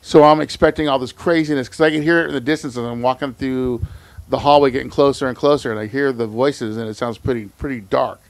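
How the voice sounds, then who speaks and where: A man's voice: mid-range voice, steady tone, fast, no echo. A man hosting a podcast, telling stories in a laid-back, slangy casual chat. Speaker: podcast host.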